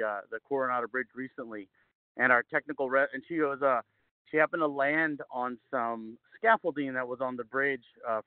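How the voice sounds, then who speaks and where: A man's voice: medium pitch, clean tone, no echo. A man from a fire department, his voice muffled through a face mask, speaking hesitantly with many fillers during a public meeting call. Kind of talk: halting public comment on a call. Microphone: call-in or video call audio. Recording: tinny phone-like line, dry.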